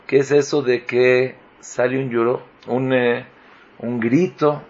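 A man's voice: mid-range voice, level tone, takes it slowly, a little mellow, dull audio. A man giving a Torah lesson as a rabbi, posing rhetorical questions and rising with emphasis. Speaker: rabbi teaching.

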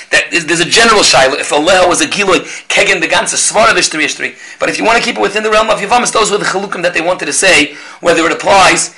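A man giving a Talmud lecture, explaining step by step in an animated way and answering his own rhetorical questions. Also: fairly high pitch, low-quality recording. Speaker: Talmud teacher.

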